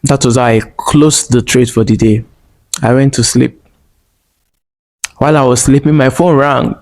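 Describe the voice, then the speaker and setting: Man, personal vlog storytelling, earnest, emotional, repeats himself, mid-pitched. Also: fairly even intonation, a little slow, a little mellow. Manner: earnest and emotional, repeats phrases, talks to viewers directly. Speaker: vlogger.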